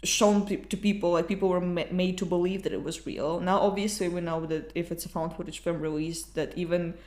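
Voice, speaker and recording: A woman's voice: on the low side, steady tone, brisk, darkish tone. A woman co-hosting a casual, informal film discussion, swearing now and then. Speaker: podcast co-host. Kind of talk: casual chat about films. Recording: roomy echo.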